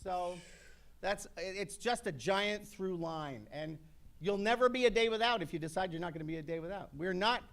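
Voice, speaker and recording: A man in his fifties on an actors' panel, telling brash, animated stories with comic asides to an audience. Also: high-pitched, moderate pace, gravelly. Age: 50s.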